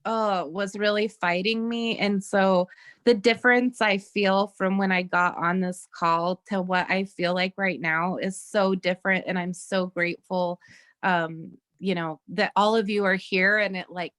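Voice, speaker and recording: A woman's voice: mid-range voice, fairly even intonation, measured pace, a bit bright, no room sound, clean studio sound. A woman sharing heartfelt news on a group video call, rambling with many fillers.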